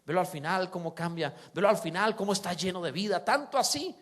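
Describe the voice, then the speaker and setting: A man preaching a sermon, animated, acting out quoted voices and swinging between loud exclamations and soft asides. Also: high-pitched, fast. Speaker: pastor.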